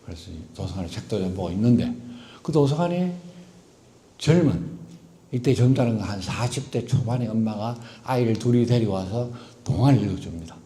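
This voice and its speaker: A man's voice: on the low side, expressive, moderate pace, dark tone. A middle-aged man with a Gyeongsang Korean accent, a teacher giving a storytelling lecture who asks the audience questions and acts out the people in his stories. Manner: acts out quoted voices and poses rhetorical questions.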